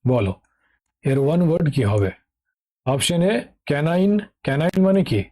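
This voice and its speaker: A man's voice: a little high, big pitch swings, normal speed, dark tone. A middle-aged man teaching English vocabulary for exam prep in an online lesson, speaking with a Bengali accent. He is patient and repeats key words, often checking with "ঠিক আছে?".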